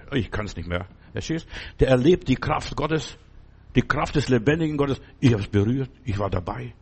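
A man giving an informal sermon in a conversational way, often repeating himself and restarting his phrases. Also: mid-range voice. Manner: conversational, repetitive, many restarts and asides. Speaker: preacher.

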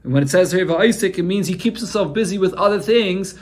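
A man's voice: high-pitched, brisk, a little mellow. Man teaching a Talmud lesson. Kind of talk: Talmud shiur, translating and explaining.

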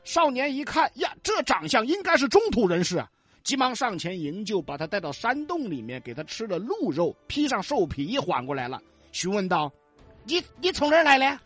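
A man's voice: sits high, sing-song, normal speed, fairly bright tone, husky, faint music behind. A man co-hosting a storytelling podcast, narrating a classic tale with wry, teasing asides. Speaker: co-host storyteller.

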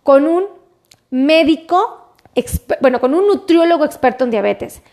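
A Mexican woman doctor talks straight to her viewers on a live stream from her office. Her voice sits high, and her delivery is chatty and friendly. She repeats her requests again and again. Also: animated, unhurried. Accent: Mexican Spanish. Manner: chatty, warm, repeats her pleas to share. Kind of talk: casual live-stream health talk. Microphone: webcam or phone in her office.

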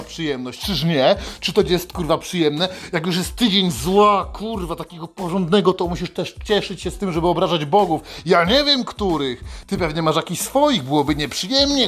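A man's voice: a little high, fairly bright tone, slightly rough. A man delivering an aggressive, constantly swearing mock-motivational comedy rant to his listeners. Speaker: satirical anti-coach host. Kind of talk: profane satirical rant to listeners.

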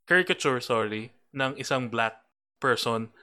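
A man's voice: mid-range voice, expressive, pushed and bright, smooth. A man with a Filipino accent co-hosting a casual podcast, explaining emphatically and mixing Tagalog and English. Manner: emphatic, quick to object, mixes Tagalog and English. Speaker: podcast co-host.

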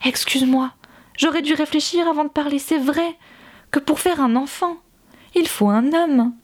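A woman's voice: on the high side, animated, normal speed, darkish tone. A woman voicing a spiteful village mother in her thirties, who mocks with sugary false pity. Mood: falsely contrite.

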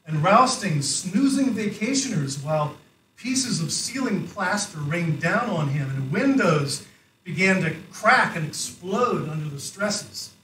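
A man's voice: high-pitched, fairly bright tone. Man preaching in an echoey church. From United States. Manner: conversational, storytelling delivery with fillers. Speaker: guest preacher. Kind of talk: sermon. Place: church sanctuary. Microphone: far from the mic. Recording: echoey church room, mic far off, faint hiss.

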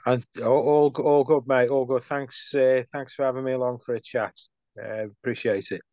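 A middle-aged man with a Stoke accent chatting casually as an interview guest, speaking haltingly and repeating words, on slightly dull audio. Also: mid-range voice, steady tone, warm tone, dry recording. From Stoke, England. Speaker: podcast guest, football writer.

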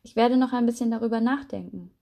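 A woman's voice: a little high, fast, gravelly. A woman voicing a curious, earnest little boy spider in a storybook read-aloud, asking questions in a raised childlike voice. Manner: bright, wondering, childlike questions.

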